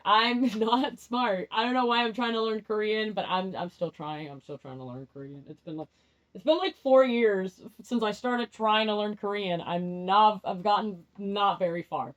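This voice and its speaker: Her medium-pitched voice is animated and moves at a normal speed. She's a young tarot vlogger whose first language is Spanish, doing a loose, candid reading in which she often restarts sentences and laughs at herself, all captured in dull lo-fi sound.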